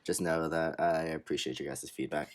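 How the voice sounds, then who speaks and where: With a very deep voice, fairly even intonation and a moderate pace, this twenty-something man co-hosts a podcast. He chats casually in a relaxed, slangy way, laughing frequently.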